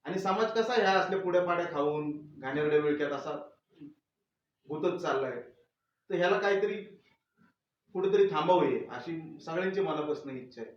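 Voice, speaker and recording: A man's voice: fairly high pitch, brisk, pauses often. A man introducing his team's short film to viewers and earnestly explaining its social message. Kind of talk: spoken announcement to viewers. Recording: very echoey room, far dull mic.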